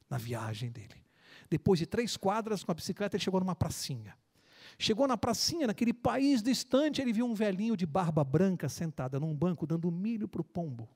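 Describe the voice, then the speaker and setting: A preacher giving a sermon with lively storytelling and an earnest appeal. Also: mid-range voice, long reverb tail.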